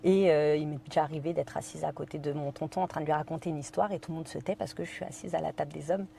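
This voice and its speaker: A woman's voice: low voice, steady tone, fast talker, gravelly, warm tone, slight background noise. A woman from France, a podcast guest, telling a personal story in conversation, hesitant with many fillers and quoting her own inner thoughts.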